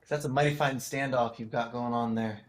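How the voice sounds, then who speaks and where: A man's voice: mid-range voice, steady tone, fairly quick. A man narrating a tabletop role-playing game as game master.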